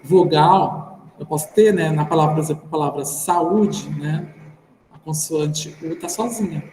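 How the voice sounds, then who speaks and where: A man's voice: a little high, unhurried, a little mellow. A man with a Brazilian Portuguese accent, teaching an online class in an informal, thinking-aloud way, tagging his sentences with "né". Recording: roomy reverberant sound with faint background noise.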